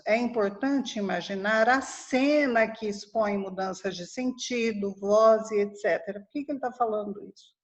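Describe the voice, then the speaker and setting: Slow-paced teacher woman, higher voice. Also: fairly bright tone. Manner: explanatory, checks in with "tá?" and "né?". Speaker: Portuguese teacher. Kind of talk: online grammar lesson.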